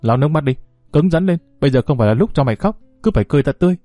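Man playing a scolding young village woman, rapid, reproachful, higher pitch, mellow tone. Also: animated, no room sound, studio quality, faint music behind, close to an everyday voice. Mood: urging.

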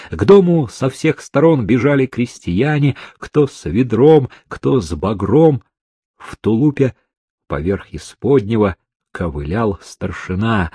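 This man narrates an adventure novel as an audiobook, dramatic and expressive, raising his voice for the characters' cries. His voice is on the low side and slightly rough. The studio recording is clean, with no echo.

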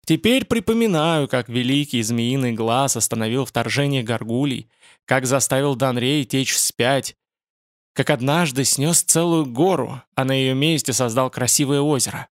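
A man's voice: mid-range voice, moderate pace, dry recording, clean studio sound, close to an everyday voice. A man reading an audiobook, voicing a guarded, terse young male warrior.

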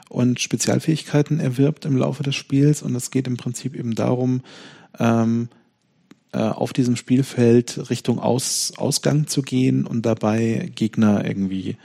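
A man co-hosting a casual podcast, talking hesitantly and thinking aloud, with lots of pauses and restarts. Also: mid-range voice, creaky, mellow. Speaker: podcast co-host. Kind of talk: casual chat.

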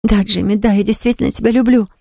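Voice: mid-range voice, fairly even intonation, quick pace, darkish tone, no echo, clean studio sound, close to an everyday voice. A reader voicing a distraught young woman who pleads through tears. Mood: pleading. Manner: pleading, tearful outbursts.

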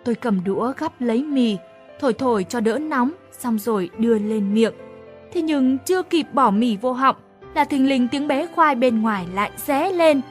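A woman narrating a first-person story in a lively, exasperated comic tone. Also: a little high, moderate pace, soft background music. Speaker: audiobook narrator.

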